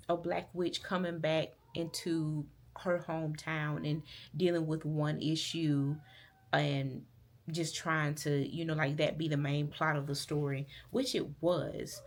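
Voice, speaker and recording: A woman from Alabama with a Southern accent, chatting casually and rambling about books in her vlog. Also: low-pitched. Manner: chatty, rambling, with fillers and restarts. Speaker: book vlogger. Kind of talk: casual chat.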